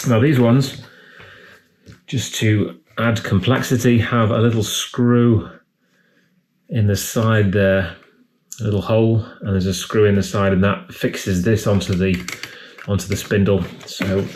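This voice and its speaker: A repair video host gives a casual, matter-of-fact tutorial, explaining each step as he works. His voice is fairly low and a little mellow, and the recording has clear background noise along with handling clicks.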